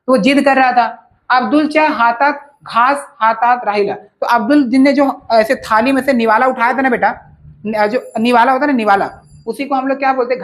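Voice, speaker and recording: A woman teacher explaining a textbook lesson line by line, patiently repeating and rephrasing for her students. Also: a little high. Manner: repeats and rephrases patiently, addresses listeners as children.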